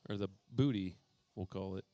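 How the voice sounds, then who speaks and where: A man's voice: deep voice, moderate pace, mellow, no echo. A man doing playful live commentary at an indoor RC racetrack, calling out drivers by name. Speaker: RC race announcer.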